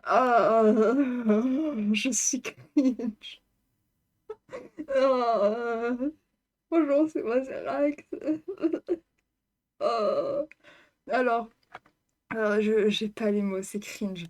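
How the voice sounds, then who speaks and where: A woman's voice: a little high, extremely slow, long pauses, darkish tone. A woman vlogger reacting to her own video in a casual, self-mocking way, laughing and teasing herself.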